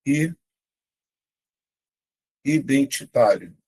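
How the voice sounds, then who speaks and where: Speaking extremely slowly in a mid-range voice with a breathy edge, this young Brazilian Portuguese-accented man leads an online grammar lesson for exam prep. He keeps it lively, talking straight to the students and peppering in "né?".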